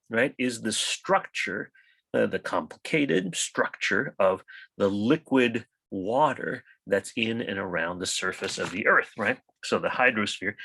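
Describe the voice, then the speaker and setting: A man giving a college science lecture, lively and chatty, often checking in with "right?" and asking his class questions. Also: fairly low pitch, gravelly, husky, low-quality recording. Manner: animated, rhetorical questions with frequent "right?". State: coughing, hiccups.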